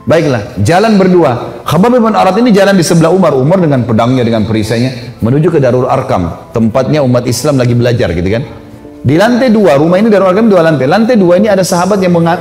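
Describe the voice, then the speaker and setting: A man telling a religious story as a preacher, animated and chatty, with conversational asides to his listeners. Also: a little high. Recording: echoey hall with faint music.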